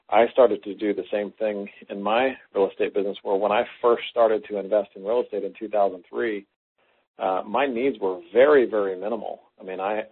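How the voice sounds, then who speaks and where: A man co-hosting a talk, teaching through an animated personal story and acting out quoted lines. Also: lowish voice, breathy edge. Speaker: co-host. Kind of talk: conversational teaching. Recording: phone-like lo-fi line.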